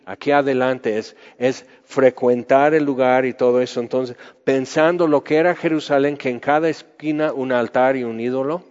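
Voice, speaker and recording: A man's voice: mid-range voice, darkish tone. A man preaching a Bible teaching, conversational, asking his listeners questions. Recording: muffled sound with long hall reverb.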